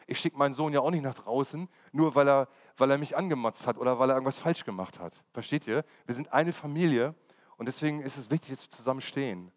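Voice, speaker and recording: A man's voice: mid-range voice, fast talker. A man giving a conversational sermon and putting questions to his congregation. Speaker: preacher. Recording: long hall reverb.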